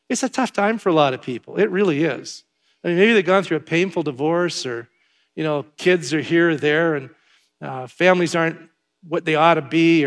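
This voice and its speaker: A man's voice: on the high side, a bit bright. An older man preaching a Christmas sermon, telling stories in a conversational way and repeating key phrases for emphasis. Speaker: pastor.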